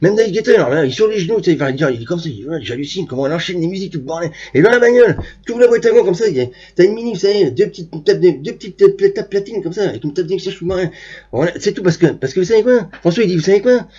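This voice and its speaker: Fast, rough-voiced male storyteller, crude and digressive; dull lo-fi recording. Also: sits high, lively intonation, dark tone. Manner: crude slangy storytelling, constant asides and restarts. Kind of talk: rambling anecdote told to camera.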